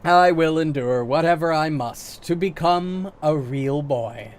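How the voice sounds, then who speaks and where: A man's voice: on the high side, measured pace, close to an everyday voice. A man voicing an earnest young male golem in a video game, putting on a Southern drawl. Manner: heartfelt, a put-on Southern drawl.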